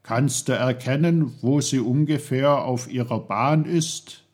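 Man voicing a tiny kindly wise magic man, storybook, calm, instructive, breathy voice. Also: medium pitch, slow. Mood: gentle.

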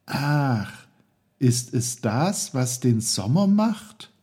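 A man doing an eager high young boy. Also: extremely slow, breathy edge, heavily acted. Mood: unsure. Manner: excited, questioning.

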